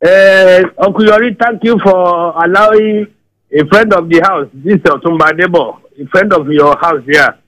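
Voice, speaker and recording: A man's voice: high-pitched, a little slow, a bit bright. A man with a Nigerian accent, a caller on a radio talk show, heard over a faint lo-fi phone line and repeating his greetings.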